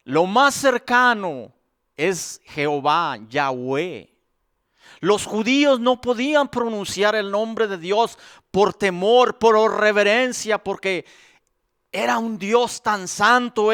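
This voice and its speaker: A male pastor preaching a sermon in a slow, emphatic way, repeating his phrases for weight. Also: sits high, fairly bright tone, smooth, no echo, clean studio sound.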